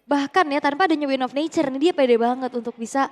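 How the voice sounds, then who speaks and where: A woman's voice: high-pitched, fast talker, a little hiss or hum. A woman giving live esports match commentary.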